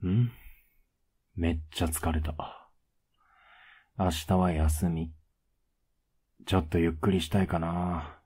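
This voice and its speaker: Guy doing a laid-back boyfriend, ASMR role-play, super low n mellow, softly teasing, slow. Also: steady tone, heavily acted. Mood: tired, casual. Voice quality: low, husky, soft. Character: teasing, affectionate young boyfriend home from a trip.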